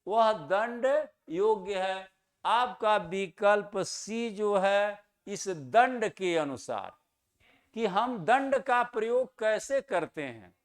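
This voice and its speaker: A man teaching a Hindi grammar lesson for exam students, who asks questions and answers them himself and repeats key words slowly to stress their correct pronunciation. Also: high voice.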